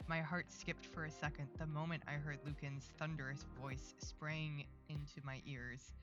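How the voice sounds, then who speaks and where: A woman's voice: sits low, level tone, normal speed, highs cut off, over music. A woman co-hosting a podcast, reading a romance novel aloud in a mock-dramatic way and laughing at the text. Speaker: podcast co-host.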